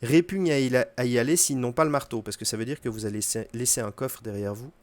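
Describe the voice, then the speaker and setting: A man's voice: mid-range voice, no room sound. Man casually explaining a game run. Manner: relaxed explaining with fillers and quick asides to the game. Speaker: gaming video host. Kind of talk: casual gameplay commentary.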